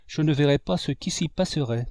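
A man reading a classic novel aloud as an audiobook narrator, in an expressive manner. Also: fairly quick, no echo, clean studio sound. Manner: expressive, with a wide pitch range.

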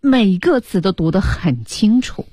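A woman co-hosting a bilingual English lesson on the radio, slowing right down to model English phrases word by word. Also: medium pitch, sing-song, dark tone, husky, dry recording, studio quality. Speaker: radio English teaching co-host. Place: radio studio.

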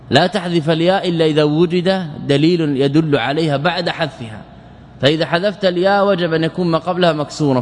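A man teaching Arabic morphology in a lecture, repeating words slowly and asking and answering his own questions. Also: a little high. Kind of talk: classroom lecture explaining grammar. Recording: long hall reverb.

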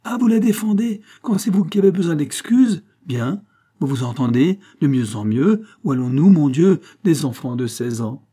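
A man's voice: medium pitch, lively intonation, moderate pace, breathy edge. A man voicing an old spinster aunt, pious and suspicious, who scolds and accuses her nephew in a storybook reading. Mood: furious. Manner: sharp, accusing, sermonizing.

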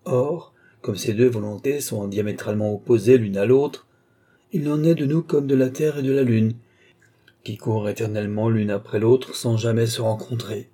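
A man's voice: medium pitch, steady tone, normal speed, mellow, lightly acted. A man voicing a weary, mocking king with dry irony, in an audiobook reading. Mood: wry. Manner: mocking, wry.

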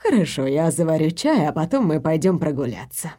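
Lady doing a worried middle-aged mom, husky, voice swoops around, storybook reading. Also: low-pitched, very animated, a little fast, mellow, pitched below the performer's own voice. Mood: concerned. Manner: fussing, solicitous. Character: worried middle-aged mother, fussing over her husband. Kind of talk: audiobook character voice.

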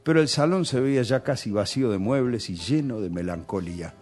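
Over faint background music, a man with a Rioplatense Spanish accent tells chatty, nostalgic radio stories laced with local slang. He has a medium-pitched, animated, slightly mellow voice and talks a little fast.

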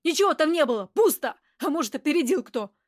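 A quick-tempered, foul-mouthed man, as a woman narrator puts him on for a crime audiobook. He barks and argues in a raised, rough voice. The voice sits fairly high and sounds dry and close. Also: animated, dry recording. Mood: gruff. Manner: shouting, coarse street talk. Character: rough, hot-tempered hunted man, loud and defensive.

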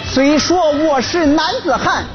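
An actor playing a laid-off, henpecked husband in a stage comedy sketch, who brags loudly and then grovels and stammers before his wife. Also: very high voice, measured pace, lo-fi sound, music in the background. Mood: self-pitying.

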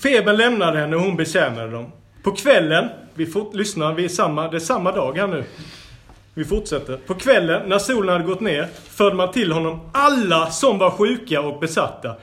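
A man with a fairly high voice leads a Bible school lesson. He reads scripture aloud and breaks in with lively, playful asides.

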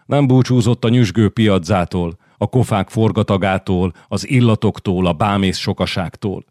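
Low-voiced guy reading an audiobook, steady and measured, dry close sound. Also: dry recording. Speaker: audiobook narrator. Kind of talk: scripted audiobook narration.

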